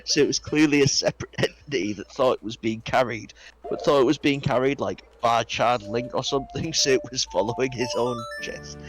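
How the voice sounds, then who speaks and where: A man's voice: medium pitch, brisk, soft background music. Rambling, swearing man in casual gaming chat. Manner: rambling, swears casually, laughs while telling stories. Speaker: co-op stream guest.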